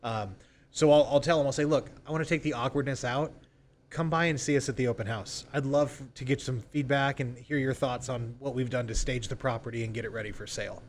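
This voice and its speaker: Speaking briskly at medium pitch with fairly even intonation, a man who is a real estate agent gives a casual podcast interview. He explains sales calls and role-plays examples of them, over a little hiss or hum.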